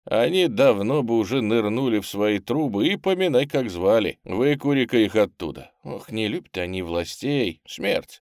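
A man voicing a hearty, loud sailor who leads a boat crew, in an audiobook. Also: lowish voice, animated, normal speed, few pauses, no room sound, studio quality. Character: hearty gruff male sailor leader.

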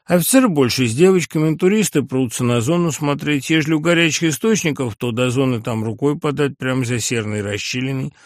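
A man's voice: mid-range voice, no echo, studio quality, close to an everyday voice. A man reading an audiobook and voicing a servile male underling who pleads and fawns before his boss. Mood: confiding. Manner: pleading and fawning, quick excuses.

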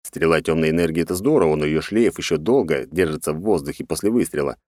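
Deep-voiced male audiobook narrator. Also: quick pace, a little mellow, dry recording, studio quality. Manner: sardonic, rough-edged, swears casually. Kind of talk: first-person fantasy narration.

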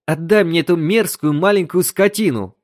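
A man's voice: a little high, normal speed, voice pushed up, natural voice. A man voicing a flustered, kindly housewife and mother in a story reading.

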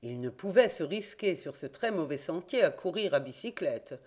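A woman reading an audiobook, voicing an eager, confident young male reporter-detective in a raised, excited voice. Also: moderate pace. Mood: triumphant. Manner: excited, emphatic, raised and higher voice.

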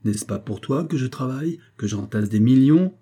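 Domineering rich father in an audiobook, dark husky low voice, forceful and reproachful, done by a male reader. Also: expressive, moderate pace. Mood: exasperated. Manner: forceful, reproachful, rising to emphatic outbursts. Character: domineering middle-aged billionaire father, exalted. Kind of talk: audiobook character reading.

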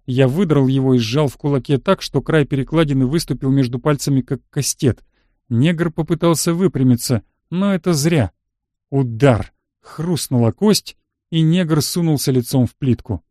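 A man's voice: mid-range voice, normal speed, warm tone, no echo, clean studio sound. A man reading a first-person action story aloud in a terse, matter-of-fact manner. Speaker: audiobook narrator. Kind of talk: scripted first-person narration.

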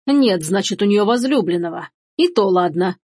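A woman's voice: mid-range voice, animated, normal speed, a little mellow, slightly rough, no room sound, clean studio sound. A woman voicing a curt, commanding noble father.

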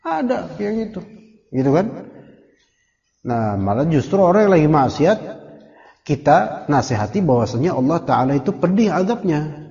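A man's voice: fairly high pitch, sing-song, moderate pace, vocal fry, long pauses, warm tone. Joking male religious teacher, reverberant hall. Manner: joking, conversational, mixes Arabic terms. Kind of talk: casual religious study lecture. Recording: dull lo-fi recording with long hall reverb.

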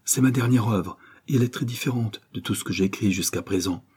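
A man's voice: on the low side, quick pace, a little mellow, slightly rough. Man playing an eager, proud young writer.

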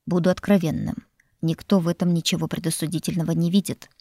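A woman voicing a teasing, self-assured young male lord and teacher, speaking in an unhurried, mocking way. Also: on the low side, level tone, warm tone, dry recording, studio quality.

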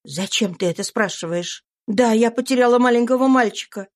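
A woman reading an audiobook voices a gentle middle-aged housewife, soft and tender. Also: fairly high pitch, a little fast, pitched above the performer's own voice, lightly acted.

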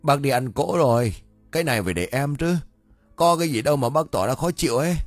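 A cheeky, gluttonous young man from a spoken ghost tale, voiced by a man. His voice is pushed up high and whiny, full of sulky complaints and sarcastic thanks. The delivery swings widely in pitch over a dry, close read. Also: lively intonation, fairly quick, dry recording, soft background music, close to an everyday voice. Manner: whining, complaining, mocking.

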